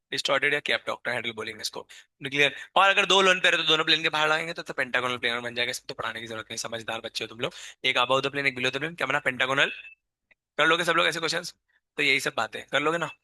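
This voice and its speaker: A man's voice: a little high, sharp tone, dry recording. A man teaching a live chemistry class with a sore, strained throat, constantly quizzing his students and scolding them.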